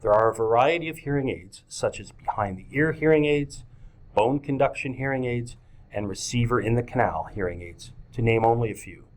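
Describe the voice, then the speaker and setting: A man's voice: mid-range voice, moderate pace. A man giving scripted instructional narration for teachers, speaking directly to them as folks. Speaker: presenter of a teacher training video.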